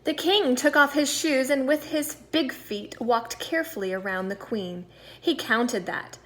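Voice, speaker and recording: This second-grade teacher, a woman whose voice sits fairly high, reads from a kids' storybook in a measured, expressive manner. She puts weight on important words to help young children keep up, now and then lowering her voice for a hushed aside.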